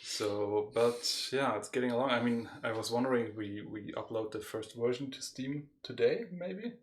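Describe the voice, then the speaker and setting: A man's voice: medium pitch, normal speed. A tired man co-hosting a casual livestream chat, laughing often and hesitating with lots of fillers. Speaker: podcast co-host and game developer.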